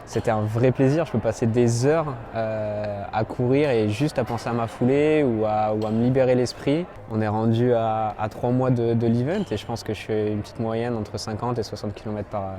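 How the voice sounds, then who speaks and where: A man in his twenties from France, telling his story as an amateur triathlete in a halting way, with many fillers and restarts. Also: on the low side, steady tone, mellow, slight background noise. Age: 20s. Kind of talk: personal interview monologue.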